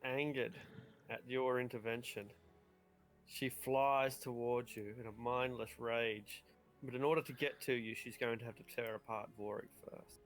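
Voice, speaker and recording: A man running a tabletop game as game master, improvising dramatic, halting narration. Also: mid-range voice, fairly even intonation, soft background music.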